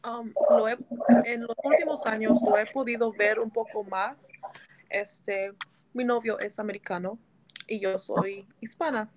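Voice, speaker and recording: A young woman from the United States answering interview questions slowly, with many pauses and fillers. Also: a little high, steady tone, darkish tone. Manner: slow, hesitant, many fillers. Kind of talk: casual Spanish interview.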